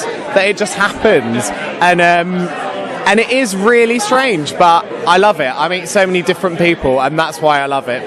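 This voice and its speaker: A young British man, an actor, chatting casually and enthusiastically in an interview. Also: sits high. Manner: enthusiastic, gushing. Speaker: pantomime actor and singer.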